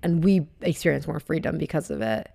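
Low, gravelly young woman chatting. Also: a little fast, no echo. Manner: relaxed, rambling, many fillers. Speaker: podcast co-host. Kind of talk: casual chat. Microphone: podcast microphone.

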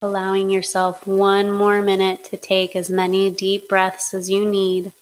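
A woman leading a guided hypnosis meditation in a slow, soothing, steady way. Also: medium pitch. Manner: slow, soothing, monotone guidance.

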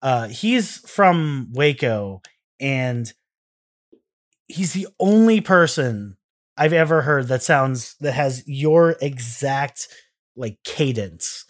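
A man's voice: medium pitch, animated, slow. Rambling chatty man on a podcast. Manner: rambling, self-interrupting, jokey. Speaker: podcast co-host. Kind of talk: casual chat.

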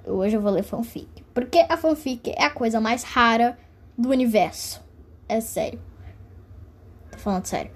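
A woman's voice: medium pitch, breathy edge. A young woman reading a fanfic aloud, with playful, jokey asides. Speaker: vlogger.

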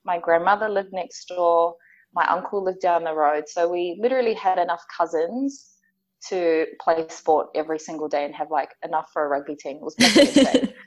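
A woman with a New Zealand accent talks as a podcast guest, her voice sitting low. She speaks candidly and reflectively, with frequent ums and soft laughs. The sound is a little dull and lo-fi. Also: moderate pace. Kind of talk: personal storytelling in conversation.

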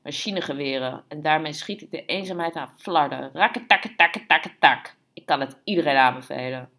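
A woman reading aloud, voicing a boastful, restless middle-aged man who swings between loud bragging and whispers. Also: low-pitched, brisk. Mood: boasting.

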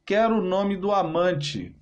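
A man's voice: high voice, a little slow, highs cut off, voice pushed up. A man voicing a middle-aged husband who has been betrayed, bitter and anguished, speaking intensely. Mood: cold.

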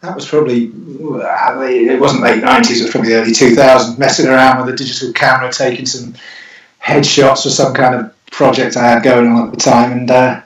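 Male podcast regular, casual talk, mid-pitched, recorded in an echoey room. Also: level tone, brisk, far from the mic. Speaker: podcast panellist. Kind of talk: casual chat.

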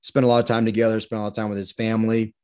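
Earnest, low-voiced male podcast host. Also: level tone, very fast, a little mellow, clean tone. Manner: earnest, effusive, many restarts. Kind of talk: casual interview chat.

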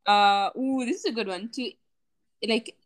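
Speaking a little slowly in a fairly high voice, this young podcast co-host keeps the conversation casual. Her talk is hesitant and full of fillers.

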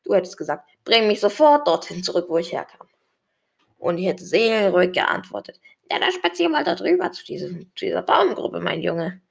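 Reader doing mournful male schemer, storybook reading, operetta-like drama, husky gravelly voice. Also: mid-range voice, big pitch swings, brisk. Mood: gloating. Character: theatrical scheming male time-meddler, mournful and gloating.

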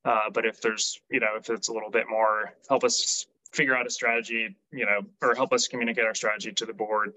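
A man's voice: on the low side, fairly quick, hardly any pauses, rough recording. A young adult man talking casually as a podcast guest, with plenty of fillers and restarts. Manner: relaxed, frequent fillers and restarts. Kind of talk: casual interview talk.

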